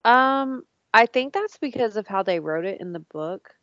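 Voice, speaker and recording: A woman's voice: mid-range voice, animated, moderate pace, fairly bright tone, no echo. A woman chatting casually about a TV show, laughing often and swearing, with lots of fillers. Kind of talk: casual chat. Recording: dull, lo-fi dry sound.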